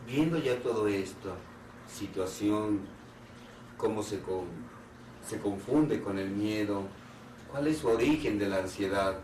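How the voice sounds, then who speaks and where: A man's voice: on the low side, background noise. Earnest male therapist in an echoey hall. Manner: earnest, repeated rhetorical questions with pauses. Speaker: therapist giving a talk. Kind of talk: public talk on anxiety. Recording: roomy hall sound from a distant mic.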